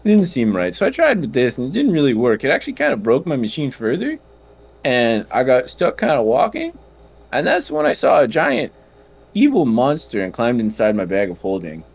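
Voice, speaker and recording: A man's voice: mid-range voice, wildly swooping pitch, a little fast, creaky, slightly rough, heavily acted. A man voicing a laid-back stoner gnome inventor in a tabletop game, with a rambling, hesitant drawl. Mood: rambling, bemused. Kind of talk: tabletop role-play in character.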